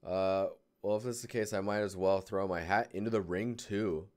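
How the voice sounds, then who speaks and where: Man, low voice, smooth clear tone, relaxed rambling art critique, desk mic. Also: normal speed. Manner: relaxed, rambling, thinking aloud. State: yawning, tired. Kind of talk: casual live critique.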